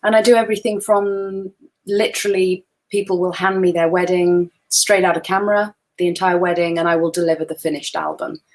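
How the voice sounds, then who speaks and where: Woman, forties, guest presenter; easy, chatty, laughs at herself, slightly low voice. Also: steady tone, fairly quick, a little mellow. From Wales. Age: 40s. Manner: chatty, self-deprecating, laughs easily. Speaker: guest photographer. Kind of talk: webinar presentation.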